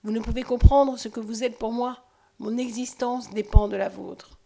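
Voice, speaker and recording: Woman reader doing a haunted, pleading man with no memory; earnest, slightly high. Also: steady tone, moderate pace, gravelly, dark tone, a little hiss or hum. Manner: earnest, impassioned.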